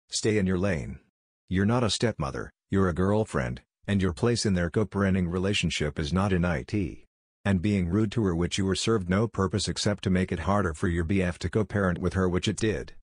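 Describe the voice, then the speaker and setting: A man with a very low, slightly husky voice reads text aloud in an even, steady narration. The recording is dry and close, with almost no room sound. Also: dry recording. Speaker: narrator reading comments. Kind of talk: scripted narration.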